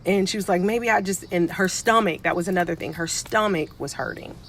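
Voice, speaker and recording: A woman's voice: fairly low pitch, brisk, fairly bright tone, slight background noise. A middle-aged woman, a pediatric nurse and life coach, telling a story casually to camera and acting out what people said. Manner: chatty, acts out quoted dialogue.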